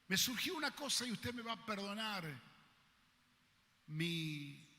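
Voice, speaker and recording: A man delivers a sermon as pastor, his voice high and piercingly bright. He moves slowly through his phrases, sinking to a hush before climbing into shouts. A long reverb trails behind him in the hall. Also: very animated. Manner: swings between hushed low passages and shouted preaching.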